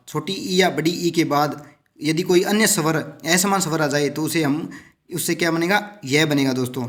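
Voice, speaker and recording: Male teacher, slightly high pitch, lesson for exam prep, asks and answers his own questions. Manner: asks questions and answers them, addresses students as friends.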